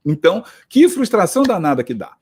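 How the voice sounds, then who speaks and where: A man's voice: high-pitched, sing-song, fairly quick, a little mellow, husky. A man with a Brazilian accent giving a motivational lecture to teachers, conversational and reflective, with frequent tag questions. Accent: Brazilian Portuguese.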